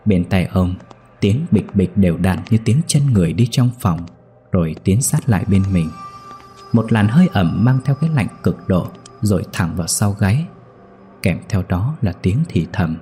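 A man narrating a horror story in a slow, somber, scripted style. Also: low voice, animated, warm tone, soft background music.

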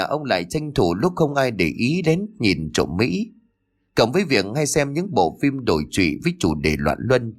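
A man narrating a scripted horror story in a dramatic, suspenseful way. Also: medium pitch.

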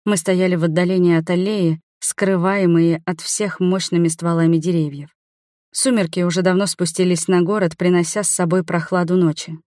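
Female audiobook narrator, expressive reading, dry close mic. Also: fairly low pitch, normal speed, dry recording. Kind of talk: scripted narration.

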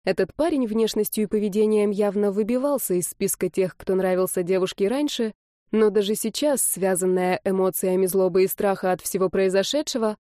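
Mellow woman reading a story. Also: mid-range voice, brisk, dry recording, clean studio sound. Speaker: audiobook narrator. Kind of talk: scripted narration.

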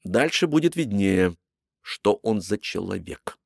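A man voicing a calm, measured gentleman doctor. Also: on the low side, vocal fry, breathy edge, dry recording, clean studio sound, full character voice.

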